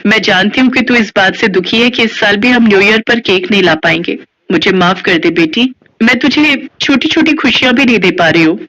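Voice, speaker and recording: A woman voicing a poor, hardworking mother who speaks in a gentle, sorrowful way. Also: medium pitch, moderate pace, close to an everyday voice. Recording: dull lo-fi audio.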